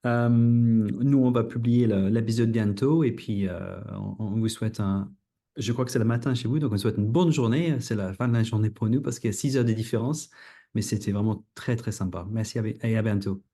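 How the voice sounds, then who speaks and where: Mellow, halting male podcast host. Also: lowish voice. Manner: halting, often repeats phrase starts. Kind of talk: casual conversational hosting.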